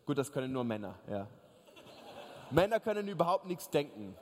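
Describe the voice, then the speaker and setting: A man preaching a sermon, telling a story in an animated way and speaking straight to his listeners with jokes. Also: mid-range voice, normal speed. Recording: long reverb of a large hall.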